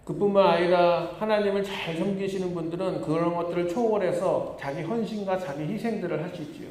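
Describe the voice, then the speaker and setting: A man's voice: sits high, brisk. Man preaching in an echoey church. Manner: animated storytelling, acts out quoted complaints. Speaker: pastor. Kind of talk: sermon. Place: church sanctuary. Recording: echoey church hall reverb.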